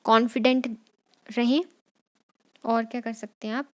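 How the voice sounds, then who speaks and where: A woman teacher, going over exam questions in Hindi mixed with English, repeating each point and dictating definitions slowly. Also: a little high, flat delivery, a little mellow. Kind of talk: exam revision lesson.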